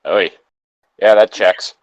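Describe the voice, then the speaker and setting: A man on the lower side of the pitch range reads fan fiction slowly, adding offhand remarks and dry, joking asides. It's a casual comedic read-along, recorded up close with slightly lo-fi sound.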